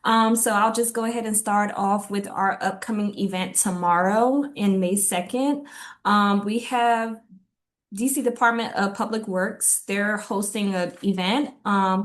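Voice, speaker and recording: A woman reads out a list of local events and grant programs at a neighborhood meeting. She pauses often with ums and sounds slightly out of breath. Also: medium pitch. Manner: halting, many ums, reads list of items. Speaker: city government liaison giving community updates. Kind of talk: meeting update report.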